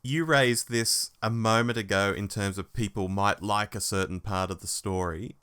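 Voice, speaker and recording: A man's voice: fairly low pitch, fairly even intonation, moderate pace, pushed and bright, clean tone. A man co-hosting a podcast, musing over an episode and chuckling as he talks. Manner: musing, chuckles while talking. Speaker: podcast co-host. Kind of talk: casual review chat.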